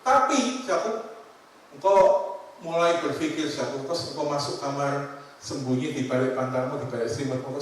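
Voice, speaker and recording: A male pastor preaching a sermon, animated, often addressing the congregation and then dropping to quiet asides. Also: fairly high pitch, a little hiss or hum. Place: church hall. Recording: echoey church hall, mic at a distance.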